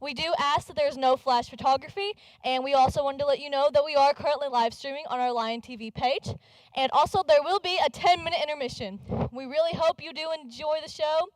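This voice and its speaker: A woman's voice: sits high, no room sound, rough recording. A woman giving a pre-show announcement to introduce a stage production. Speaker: show announcer and cast member.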